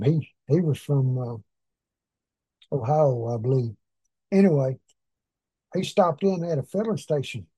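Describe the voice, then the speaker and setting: A man's voice: a little high, warm tone, slightly rough, no echo, poor audio. A man with an Arkansas accent from the American South, speaking as a preacher in a folksy, drawling, informal way to his congregation. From Arkansas, southern United States. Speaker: preacher leading a prayer meeting.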